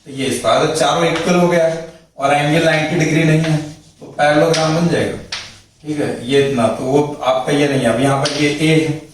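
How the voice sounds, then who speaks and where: A man's voice: a little high, fairly even intonation, brisk. A man teaching physics in a classroom lecture, explaining step by step and checking in with students. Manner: explains step by step, repeats points, asks checking questions. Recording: echoey room, mic far off, faint noise.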